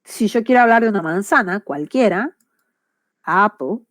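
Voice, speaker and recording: A woman's voice: mid-range voice, expressive, normal speed, no room sound, clean studio sound. Woman teaching English grammar. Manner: patient and explanatory, with frequent checks for understanding. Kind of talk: explaining grammar in a class.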